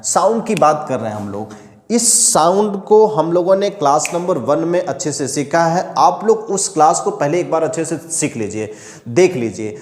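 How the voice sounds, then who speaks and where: A man with a Hindi accent teaching a spoken English class, walking through the rules patiently and asking his own questions before answering them. His voice sits a little high for a man. The room is echoey, with a long reverb trailing every phrase. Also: darkish tone.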